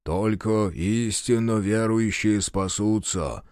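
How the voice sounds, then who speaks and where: A man's voice: lowish voice, a little mellow, clear, resonant tone, no room sound, studio quality, pitched below the performer's own voice. A man doing a gloomy, muttering prophet of doom. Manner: slow, muttering, doom-laden. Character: gloomy superstitious bearded soldier, grown man. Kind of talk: audiobook character voice.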